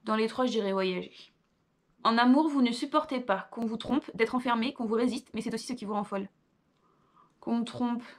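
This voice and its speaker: A woman's voice: fairly high pitch, fairly quick. A young woman, reading quiz questions aloud and answering with offhand asides in a casual vlog. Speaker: vlogger.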